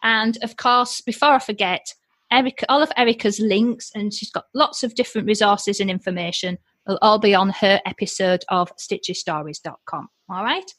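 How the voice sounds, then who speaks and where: A woman's voice: mid-range voice, normal speed, a bit bright, no echo. A woman hosting a light-hearted podcast, enthusiastic and upbeat as she welcomes her guest. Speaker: podcast host.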